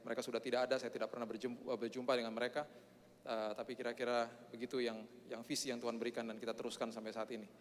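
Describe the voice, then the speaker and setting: A man's voice: medium pitch, little pitch movement, very fast. A male pastor preaching a sermon with a joking, self-mocking manner and frequent "eh" fillers. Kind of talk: sermon with prayer. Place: church hall. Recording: long church hall reverb.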